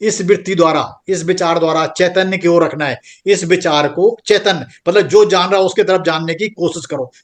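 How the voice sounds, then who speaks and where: A man teaching a spiritual class online, explaining patiently and checking in with the listeners again and again. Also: high-pitched. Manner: patient, repetitive explaining with frequent "theek hai". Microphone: computer microphone on an online group call.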